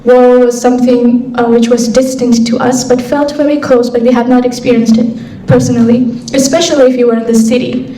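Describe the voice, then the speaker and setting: A young woman from Afghanistan, a guest speaker answering interview questions in a soft, reflective way with frequent pauses. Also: a little high, little pitch movement. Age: young adult. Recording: echoey hall, voice from far off mic, faint noise.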